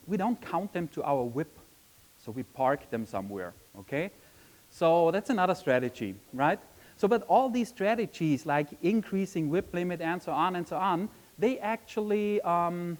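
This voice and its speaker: A man's voice: a little high, poor audio. Chatty man giving a conference talk. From Austria. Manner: chatty, frequent "um" and tag question "right?". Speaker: conference speaker. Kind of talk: conference presentation. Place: conference session room.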